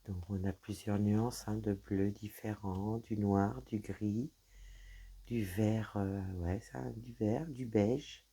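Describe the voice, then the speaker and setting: The woman's voice is very deep, mellow, and slightly rough, with a steady tone and a slow delivery. As a crafting vlogger, she unboxes items in a chatty way, talking straight to viewers and leaning on "voilà" and "donc".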